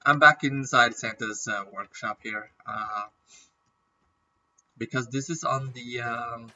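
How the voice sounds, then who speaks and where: Chatty gamer with a nagging cough. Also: male voice, mid-range voice, steady tone, takes it slowly, pushed and bright, far from the mic, dull audio. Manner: rambling, chatty, often clearing his throat and coughing. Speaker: gaming YouTuber. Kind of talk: casual game commentary.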